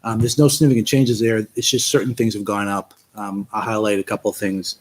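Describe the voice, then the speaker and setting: A man's voice: on the low side, level tone, a little fast, a little mellow, rough recording. A man, a town IT director, methodically walking a committee through budget line items with frequent ums, in a meeting recording with faint noise.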